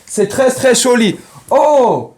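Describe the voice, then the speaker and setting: A man voicing an excitable rich buyer who gushes and repeats himself as he snaps up landmarks. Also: extremely high pitch, takes it slowly, voice pushed up, full character voice. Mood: giddy. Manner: squealing, giddy, repeats himself.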